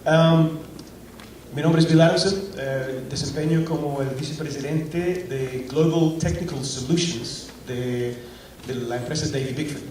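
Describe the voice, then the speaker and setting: A middle-aged Scottish man gives a technical conference talk in a crowded, large auditorium, recorded from afar in a very echoey hall over a faint hum. His mid-pitched voice has fairly even intonation and an unhurried pace. He is hesitant, with many fillers, stops and restarts.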